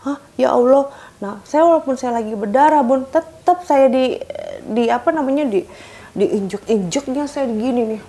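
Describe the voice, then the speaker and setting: A young woman recounting a painful personal experience, telling it animatedly, acting out others' lines in loud high bursts and dropping to whispers. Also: normal speed. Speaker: guest recounting her experience. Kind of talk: emotional personal account.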